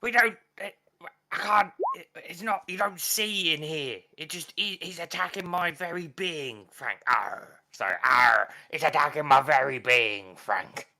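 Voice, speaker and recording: A man's voice: lively intonation, a little slow, few pauses, heavily acted. A man voicing a panicked male pirate spirit trapped inside a gem, barking "arr" between his words. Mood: frantic. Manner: shouts "arr" in a frantic, high pirate bark.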